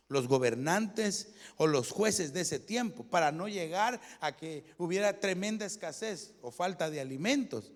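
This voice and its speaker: Male pastor, high voice, chatty sermon delivery with rhetorical questions, recorded in a reverberant church. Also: gravelly. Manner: conversational preaching, addresses "hermano", asks rhetorical questions; explains Hebrew word meanings.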